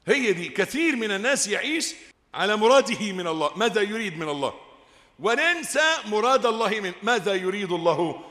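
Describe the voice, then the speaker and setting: A high-pitched man with an Egyptian Arabic accent preaches to a gathering. He tells stories and calls out to his listeners for answers. His voice rings with a long hall reverb. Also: a little fast. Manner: lively, calls and responses with the audience. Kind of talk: sermon with storytelling.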